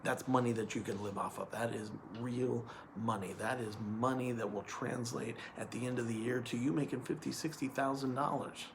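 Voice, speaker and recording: A man's voice: medium pitch, fairly even intonation, normal speed, few pauses, noisy background. A man working as an insurance hiring manager, explaining in an earnest monologue that repeats points and checks in with "okay?". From California.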